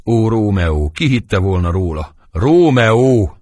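A man reading the part of an old nurse who laments loudly, in dramatic verse. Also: lowish voice, big pitch swings, no echo, clean studio sound. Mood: lamenting. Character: old nurse, fussy and grieving woman.

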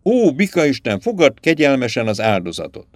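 Guy doing a bratty cruel young prince, whiny and shrill, voice swinging up and down, dry close audiobook sound. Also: wildly swooping pitch, no echo. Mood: frenzied. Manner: whiny, demanding, shrill outbursts. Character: cruel, petulant young prince, mad for power.

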